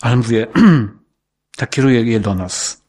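A man's voice: medium pitch, slow, darkish tone. A man preaching a sermon in an earnest, pleading way, often repeating his words.

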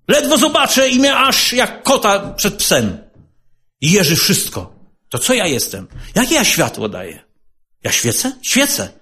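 Male lay preacher, slightly high and very expressive, earnest sermon with repeated rhetorical questions. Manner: repeats rhetorical questions, swings between loud and soft; earnest, exhorting.

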